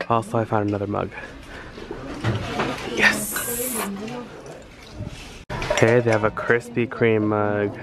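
A man's voice: lowish voice, takes it slowly, pauses often, heavy background noise. A man vlogging casually while thrift shopping, gushing over finds and talking to himself, recorded on a handheld camera in a store aisle. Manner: gushing, excitable, talks to himself. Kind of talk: casual vlog narration.

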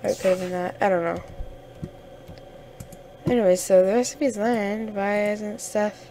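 Casting: young woman gamer, casual commentary, relaxed slow delivery, faint background hiss. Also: mid-range voice. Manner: chatty, easily flustered, sniffling.

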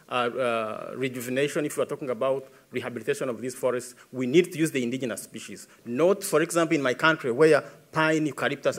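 A man in his thirties with a Ugandan English accent, speaking earnestly as an environmentalist answering questions at a tribunal, building emphasis as he goes. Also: a little high. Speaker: environmentalist witness. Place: large dark conference stage. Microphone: podium microphone.

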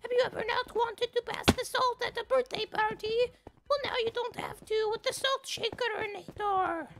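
Woman doing a squeaky gravelly cartoon mad scientist. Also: moderate pace, fairly bright tone, a little hiss or hum, exaggerated voice. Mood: gloating. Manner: villain monologue, gloating. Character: scheming cartoon mad scientist man, villain. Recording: game music behind.

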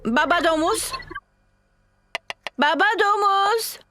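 A woman voicing a caring, sensible mother pig in a children's cartoon, motherly and gently firm. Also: extremely high pitch, expressive, slow, slight background noise, exaggerated voice. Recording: music behind the voice.

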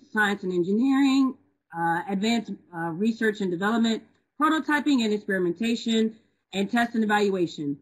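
A woman's voice: mid-range voice, breathy edge, low-quality recording. A woman moderating an online event, reading out speaker introductions with frequent hesitations. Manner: reads bios with frequent hesitations.

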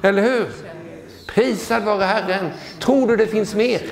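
A man's voice: sits high, a crowd in the background. Man, 60s, charismatic preacher, joking asides, long church reverb. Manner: exclamatory, peppers talk with hallelujahs, joking asides. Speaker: guest preacher. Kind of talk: lively charismatic sermon. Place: church sanctuary.

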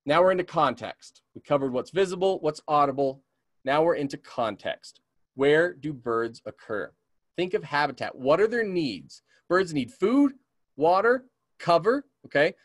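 A man's voice: a little high, dry recording, clean studio sound. A man from the American West teaching a beginner's bird identification webinar, often checking in with "okay?" and imitating bird calls. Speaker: community naturalist teaching a class. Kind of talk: webinar lesson.

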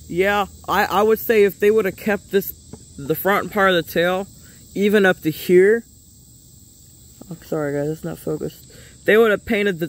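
Male toy reviewer, somewhat high voice, plain-spoken and meandering. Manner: rambling, stops and restarts often; plain-spoken, drops a curse casually. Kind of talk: casual hands-on toy review.

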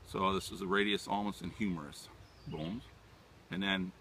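A man in his sixties giving an informal, halting demonstration as a hunting instructor, explaining things step by step. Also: low-pitched, fairly even intonation, pushed and bright, slight background noise. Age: 60s. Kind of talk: informal outdoor demonstration talk. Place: outdoors in leafy woodland. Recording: distant mic outdoors, natural background sounds.

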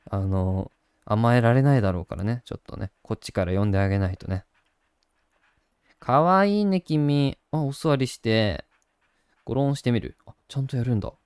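A man's voice: medium pitch, warm tone, no echo. A man hosting a gaming channel, chatting casually and doting on a virtual puppy while reading the game text aloud.

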